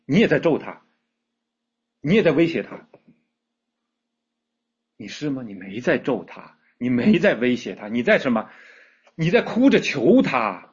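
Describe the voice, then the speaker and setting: Earnest male preacher with a husky voice. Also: medium pitch, sing-song, unhurried, long pauses, dull audio. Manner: earnest, repeats words, rhetorical questions. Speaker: pastor. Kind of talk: sermon. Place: church hall with congregation.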